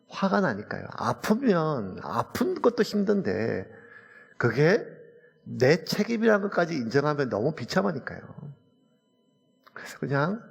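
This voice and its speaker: A gravelly, husky-voiced man preaches from the pulpit. He speaks earnestly and conversationally and weaves in personal stories. His voice carries a long reverb from the church sanctuary. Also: on the high side. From South Korea. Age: late 40s. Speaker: pastor. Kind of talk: sermon.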